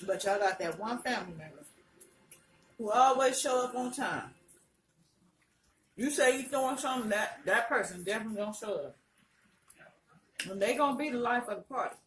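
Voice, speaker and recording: A woman's voice: fairly high pitch, lively intonation, moderate pace, pauses often, fairly bright tone. A woman chats casually and frankly between bites of crunchy fried chicken, in a colloquial mukbang style. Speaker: vlogger. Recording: roomy, distant mic, faint noise, clicks.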